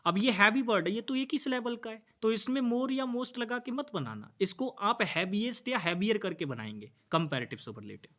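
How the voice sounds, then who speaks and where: A young man teaching an exam-prep English grammar lesson, explaining patiently, asking students questions and reading example sentences slowly. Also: high voice, animated, sharp tone. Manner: explains patiently, asks students questions, calls them bhai and bhaiya.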